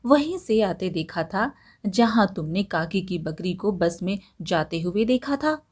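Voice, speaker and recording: A woman's voice: medium pitch, expressive, unhurried. A woman voicing a clever young village man who teases and accuses his neighbor, in a storybook reading. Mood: teasing.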